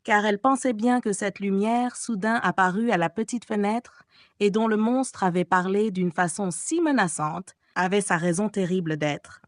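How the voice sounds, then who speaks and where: A woman's voice: mid-range voice, moderate pace, no room sound, studio quality. Woman reading a gothic novel aloud. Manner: expressive storytelling reading. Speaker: audiobook narrator. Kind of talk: scripted narration.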